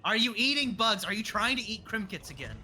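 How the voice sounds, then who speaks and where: A man's voice: high-pitched, very animated, voice pushed up. A man voicing a stern, fussy mother in a tabletop game, firing nagging questions. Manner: nagging, rapid-fire questioning. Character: stern, fussy mother scolding her grown child.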